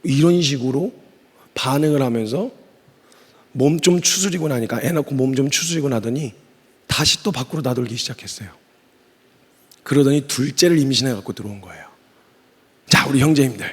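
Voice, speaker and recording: A man preaching at a youth retreat, lively and humorous, acting out quoted lines as he speaks. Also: medium pitch, normal speed, pauses often. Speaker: missionary preacher. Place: large church hall. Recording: long hall reverb, husky voice.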